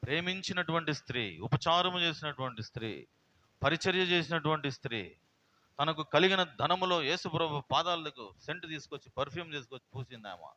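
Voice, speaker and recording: A male pastor preaches in a forceful, bright voice. He swings between loud and soft and keeps asking his listeners questions. The recording sounds dull and lo-fi. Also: fairly high pitch, animated, brisk, slight background noise. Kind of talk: sermon.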